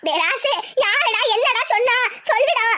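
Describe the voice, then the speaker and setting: Woman as old granny, high, bright, slow and scolding. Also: animated, heavily acted. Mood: demanding. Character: old village grandmother, scolding.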